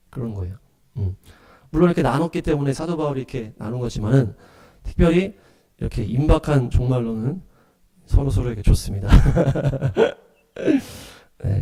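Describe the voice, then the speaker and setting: Animated pastor preaching a lively sermon. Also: male voice, a little high. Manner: animated, acts out voices and laughs often. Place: small church hall.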